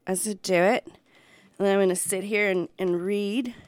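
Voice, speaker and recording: A woman hosting a radio show with a low, husky morning voice, chatting playfully before reading a folk tale aloud. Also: fairly even intonation, unhurried, darkish tone, no echo. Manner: playful, self-mocking, chatty. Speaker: radio host. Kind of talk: casual radio chat and storytelling.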